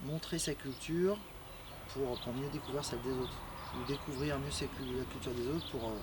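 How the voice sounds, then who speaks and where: Man in his forties, loud outdoor birdsong. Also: medium pitch, steady tone, normal speed, heavy background noise. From France. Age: 40s. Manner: hesitant, thoughtful. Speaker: schoolteacher and festival volunteer. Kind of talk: casual interview answers.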